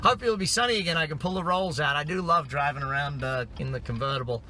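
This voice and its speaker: Driving down the road, a middle-aged Australian business coach gives upbeat motivational tips in numbered points. His voice sits on the high side, fast and sharp, with car and road noise behind him.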